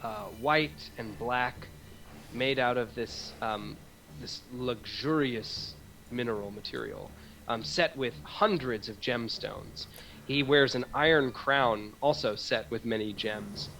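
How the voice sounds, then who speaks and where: Slow, bright-voiced man narrating a game. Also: medium pitch, low-quality recording. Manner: halting, descriptive, amused. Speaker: game master. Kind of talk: improvised tabletop game narration. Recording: faint background noise.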